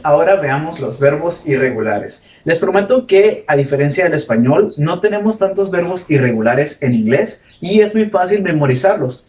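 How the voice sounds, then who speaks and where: A man teaching a classroom grammar lesson, who quizzes his students and repeats example words slowly. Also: a little high, darkish tone. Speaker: English teacher. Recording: echoey room, mic far off.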